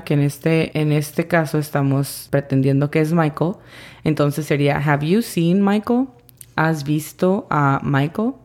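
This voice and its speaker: Woman, English teacher, low voice, unhurried, repeats phrases. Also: darkish tone. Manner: spells out sounds letter by letter, repeats phrases slowly. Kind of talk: slow, careful language lesson.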